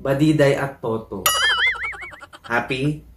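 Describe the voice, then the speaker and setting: A man's voice: mid-range voice, slow pace, reverberant, very noisy. A man performing a playful comic sketch, talking in a teasing, singsong way. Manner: playful, singsong apologizing to mother.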